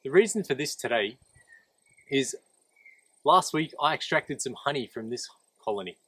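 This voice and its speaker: A man's voice: medium pitch, animated, normal speed, pushed and bright, slightly rough, no echo. A man instructing in a practical, plain-spoken way, explaining a hands-on demonstration step by step while outdoors. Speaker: beekeeping instructor. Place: outdoors beside beehives.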